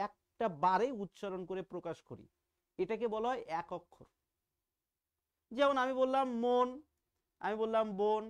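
A man teaches grammar to students online, keeping it chatty and teasing. He throws rhetorical questions at the class and stretches out each example word slowly so it can be heard clearly. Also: high voice. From Bangladesh. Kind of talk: casual online grammar lesson.

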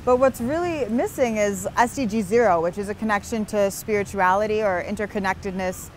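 A woman's voice: mid-range voice, brisk, slight background noise. A young woman being interviewed outdoors on a busy street, talking earnestly and at length, with frequent restarts. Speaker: interview guest.

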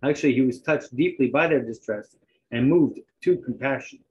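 A man preaching a sermon, reading scripture aloud and pausing in turns for an interpreter. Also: mid-range voice, darkish tone, highs cut off, slight background noise.

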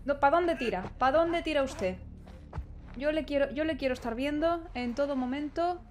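A young woman, commentating her own gameplay with a high voice. She talks nervously to the characters on screen and exclaims often. Faint background noise sits behind her. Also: moderate pace. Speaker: gaming streamer. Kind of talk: let's play commentary.

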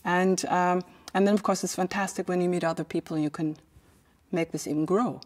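A middle-aged woman speaks slowly and thoughtfully, pausing often as she hunts for the right word. Her voice sits a little low. She is giving a documentary interview in a large indoor hall. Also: fairly even intonation, a little mellow. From Iceland. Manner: reflective, searching for words with many pauses.

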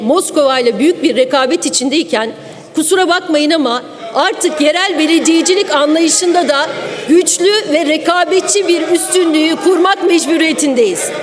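A high-voiced woman delivers a formal political speech at a pulpit microphone. She is declamatory and reproachful, stressing her points firmly, and her voice rings with the long reverb of a large hall. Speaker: member of parliament. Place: large indoor chamber. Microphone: podium microphone.

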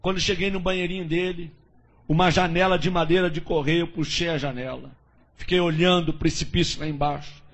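A man from Brazil, a pastor telling a story in a sermon, his delivery dramatic, dropping to a hush and rising to shouts. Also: a little high, fairly even intonation, fairly quick. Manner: dramatic, swings from hushed to shouting.

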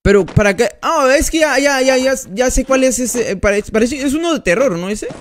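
A man's voice: very high voice, animated, moderate pace. A man commenting on his mobile gameplay during a live stream, chatting and greeting each viewer by name as he plays. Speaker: gaming streamer.

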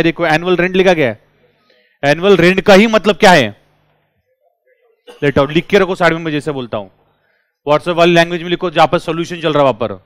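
जोशीले अंदाज़ में पढ़ाता एक पुरुष शिक्षक, साफ़ सूखी आवाज़. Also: male voice, a little high, clean tone, no room sound. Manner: lively, drills students with repeated questions. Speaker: teacher. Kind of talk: classroom lecture.

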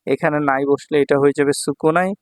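A man's voice: fairly high pitch, fairly even intonation, fast, no room sound. A man from Bangladesh teaching a kanji lesson and promoting his language school, explaining patiently, repeating each reading and often checking in with his students.

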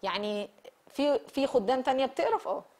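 A woman with an Egyptian Arabic accent lecturing church servants, lively and quizzing the audience. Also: high-pitched, fairly quick. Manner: lively, asks the audience questions, laughs with them.

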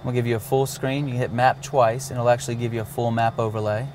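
With a medium pitch, a level tone, and a slightly mellow quality, this man talks fast while a little hiss or hum runs underneath. He casually demonstrates a cockpit navigation system one step after another as an avionics demonstrator, plain-spoken with occasional fillers.

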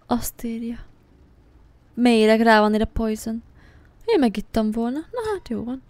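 A woman's voice: a little high, expressive, a little mellow, no echo. Jumpy, swearing woman playing a horror game. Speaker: gaming channel host. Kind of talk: horror game let's play commentary.

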